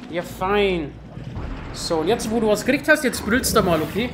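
A man with a Franconian German accent doing excited, casual gameplay commentary, full of loud exclamations. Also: sits high, fast talker, background noise. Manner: exclaims a lot, talks to his pet in the game. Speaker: let's player.

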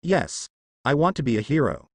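A man's voice: mid-range voice, sing-song, normal speed, no room sound. A man puts on a timid little boy in a narrated fan story. The boy stammers and sounds shaky, yet speaks up for what a hero would do. The voice rises and falls a lot, and the recording is dry and close.

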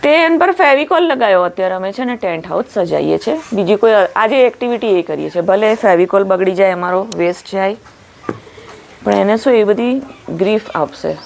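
A Gujarati woman chatting casually in a vlog, often calling to her child and her cows in a high, coaxing sing-song voice, outdoors on a farm. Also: lively intonation, a little fast, vocal fry, a little mellow, a little hiss or hum. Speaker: vlogger and mother.

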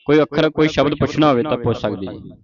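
A man's voice: fairly high pitch, fast talker, a crowd in the background. A man teaching careful recitation to a class, spelling words out letter by letter and often asking whether they follow. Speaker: Gurbani pronunciation teacher. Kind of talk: slow, patient recitation lesson. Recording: muffled lo-fi with class murmur. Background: a group of learners.

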